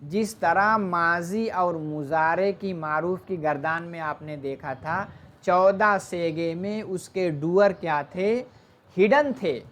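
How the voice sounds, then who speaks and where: A teacher giving an online Arabic grammar lesson, explaining slowly, mixing in English terms, and asking the class questions before answering them. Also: mid-range voice, fairly bright tone.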